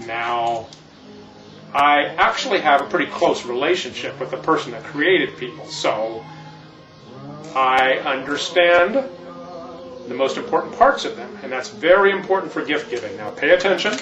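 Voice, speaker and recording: An older, jolly Santa Claus gives a rambling seminar talk in a folksy, unhurried manner, played by a man. He sits a little back from the mic in a roomy, echoing space. The sound is dull, with music clearly running underneath. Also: medium pitch, expressive, fairly bright tone, natural voice. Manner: folksy, meandering, explains slowly. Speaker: seminar keynote speaker. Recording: echoey, distant, muffled, music behind.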